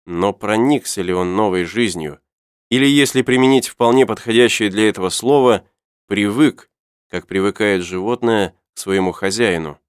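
Male audiobook narrator, low and even, dead-dry sound. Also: moderate pace, smooth, no room sound.

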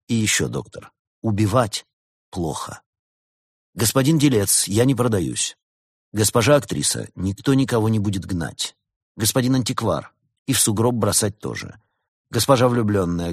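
A man voicing a quick-witted young male fox who keeps order among squabbling rivals in an audiobook story. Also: fairly low pitch, slightly rough, no room sound, clean studio sound, heavily acted.

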